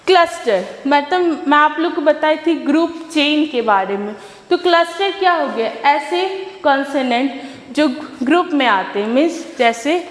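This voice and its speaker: A woman teaching an English class, reading each rule slowly, then asking the class questions and answering them herself. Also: high-pitched. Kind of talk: online class lecture. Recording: echoey room with long reverb.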